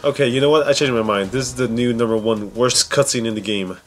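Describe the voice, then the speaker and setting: In a steady, mid-range voice, a man talks fast through a countdown of video game scenes, sarcastic and informal. He's often incredulous and swears a lot. Music plays in the background.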